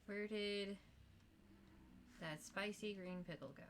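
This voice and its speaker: A woman's voice: medium pitch, takes it slowly, a little hiss or hum. A woman streaming a game, chatting and muttering to herself as she plays. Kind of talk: casual chat while gaming.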